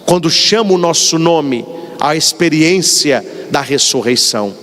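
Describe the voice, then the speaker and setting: High, lively Brazilian priest preaching. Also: male voice, measured pace. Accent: Brazilian Portuguese. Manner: animated storyteller, acts out dialogues. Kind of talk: sermon. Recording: long hall reverb.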